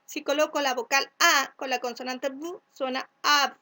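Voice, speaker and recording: A woman from Chile teaching a first-grade class, speaking slowly and clearly, sounding out letters and syllables and often checking with "¿cierto?". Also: high voice, steady tone, sharp tone. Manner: asks "¿cierto?" to check along. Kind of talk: recorded remote class instructions.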